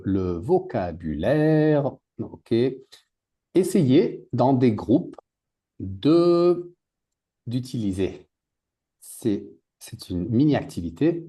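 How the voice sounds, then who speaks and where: A man's voice: mid-range voice, mellow. A man teaching a language class, patiently repeating words and adding English glosses for his students. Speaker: French teacher.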